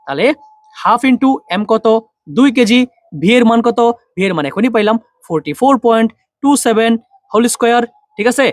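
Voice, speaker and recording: Fast-talking young male physics tutor. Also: very high voice, dry recording, studio quality. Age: young adult. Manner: quick, drills students with repeated questions and answers. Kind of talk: online physics lesson.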